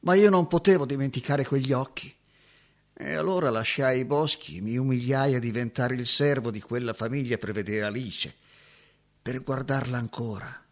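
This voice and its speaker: An actor playing a heartbroken former woodsman, moving from hushed remembering to anguished cries. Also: medium pitch. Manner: emotional, swinging from hushed recollection to anguished cries. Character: heartbroken former woodsman haunted by lost love. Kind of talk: dramatic acting.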